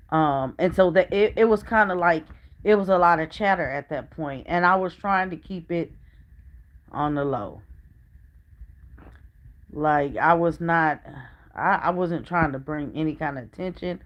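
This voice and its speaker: Middle-aged woman vlogger, unhurried earnest storytelling, mid-pitched voice, muffled lo-fi home recording. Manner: chatty and earnest, drops to a hush when retelling what others said. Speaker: family vlogger. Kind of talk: casual storytelling to viewers.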